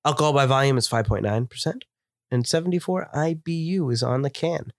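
A man's voice: mid-range voice, lively intonation, fairly quick, dry recording. A man chats eagerly about what he sees, his voice a little stuffed up from a cold. He sits in an ordinary mid range for a man and is recorded close with no room sound around him. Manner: chatty, descriptive, enthusiastic. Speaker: podcast co-host reviewing beer. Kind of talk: casual chat.

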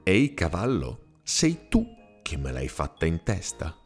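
A man voicing a small nearsighted female mole who squeaks indignant questions at the animals around her. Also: huge pitch swings, unhurried, soft background music, exaggerated voice. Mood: indignant, questioning.

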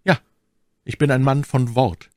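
A man's voice: medium pitch, fairly even intonation, measured pace, a little mellow, no room sound, clean studio sound, voice pushed up, lightly acted. A man voicing a gallant, earnest young swordsman who speaks in a courtly, pleading way in an audiobook. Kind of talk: audiobook character voice.

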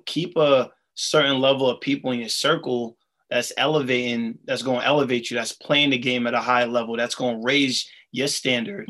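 A man's voice: medium pitch, fairly bright tone. A man hosting a podcast, talking casually and motivationally in slang to entrepreneurs. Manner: slangy, hype, addresses listeners as entrepreneurs. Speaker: podcast host.

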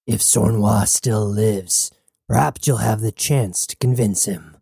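A man voicing a hulking male cyborg captain, a menacing former mercenary with a gravelly, growling voice. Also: lowish voice, mellow, no room sound, clean studio sound, full character voice. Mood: grim. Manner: slow, grim and threatening. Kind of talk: audiobook character voice.

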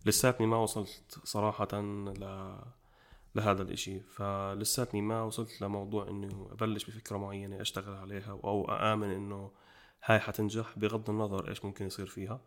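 Fast-talking Jordanian man hosting a podcast. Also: fairly low pitch, level tone. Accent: Jordanian Arabic. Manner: quick, emphatic, gets loud when making a point. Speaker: podcast host. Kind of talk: casual chat.

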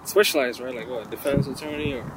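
A man's voice: medium pitch, fast, background noise. A young man chatting casually on a podcast in slangy, sweary frat-bro talk. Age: young adult. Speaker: podcast host.

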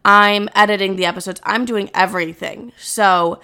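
A woman's voice: mid-range voice, steady tone, normal speed, sharp tone, smooth. A young adult woman hosting her own podcast, talking candidly and bluntly to listeners with frequent swearing. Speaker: podcast host. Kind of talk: casual chat to listeners.

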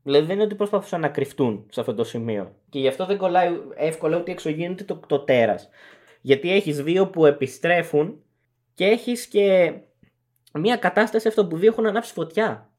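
A man's voice: fairly high pitch, animated, a little mellow. A young man co-hosting a podcast, casually talking through arguments point by point. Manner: analytical, lists arguments point by point. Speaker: podcast co-host.

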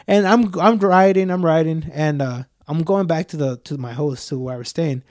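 A young man co-hosting a podcast, telling stories in a loose, profane, animated way with plenty of fillers. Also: on the high side, moderate pace, dry recording, clean studio sound. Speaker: podcast co-host. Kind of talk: casual storytelling chat.

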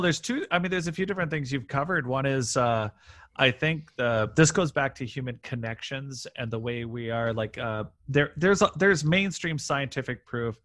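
A man talking casually as a podcast guest, rambling and animated, full of restarts. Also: medium pitch. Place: room near a railway line.

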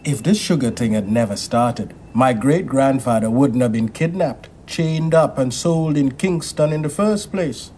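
A man's voice: mid-range voice, a little slow, hardly any pauses, mellow, a little hiss or hum, natural voice. Man as a plainspoken cafe owner. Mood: matter-of-fact. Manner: dry, matter-of-fact. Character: laid-back male cafe owner, plainspoken. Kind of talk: 1980s TV drama acting.

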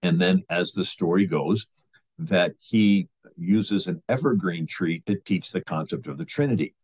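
A man's voice: low-pitched, measured pace, darkish tone, breathy edge. A man explaining church history in an informal storytelling manner, with frequent fillers and restarts. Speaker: history lecturer.

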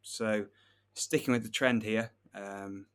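A man co-hosting a football betting podcast, running through odds and trends in a relaxed, steady way. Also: fairly low pitch, takes it slowly, clean tone. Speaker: podcast co-host, betting tipster. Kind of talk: casual football betting chat.

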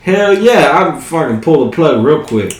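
A man's voice: a little high, sing-song, moderate pace, a little hiss or hum. A young man chatting casually on a podcast, joking and teasing his friends in slangy talk. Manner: joking, teasing, slangy, puts on silly quoted voices. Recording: echoey room.

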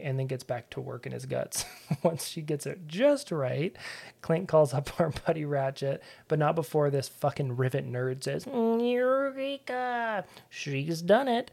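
A man's voice: fairly high pitch, creaky, warm tone. A man hosting a podcast who recaps a video game in casual chat, sarcastic and rambling, with plenty of swearing. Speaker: podcast host.

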